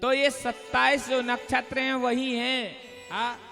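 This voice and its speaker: Very high-voiced preacher in a reverberant hall. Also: male voice, completely flat delivery, measured pace, vocal fry, pushed and bright. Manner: call-and-response, rhetorical questions, folksy storytelling. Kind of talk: devotional storytelling discourse. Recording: reverberant hall with live music.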